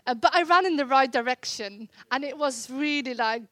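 A woman's voice: sits high, normal speed, a bit bright, no room sound. A woman in her thirties from the Netherlands with a Dutch accent, earnestly sharing her faith testimony in casual conversation, with frequent fillers and restarts. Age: 30s.

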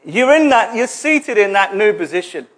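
A man delivers a sermon in a church hall, his voice pitched high for a man. He talks in a conversational way and drops jokey asides to the congregation. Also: animated, normal speed, fairly bright tone. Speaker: preacher.

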